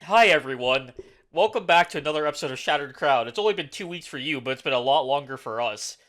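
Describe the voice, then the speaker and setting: A man's voice: on the high side, animated, quick pace, a bit bright. A man hosting as game master, joking and swearing in casual banter before a tabletop game. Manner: laughing, joking, swearing freely.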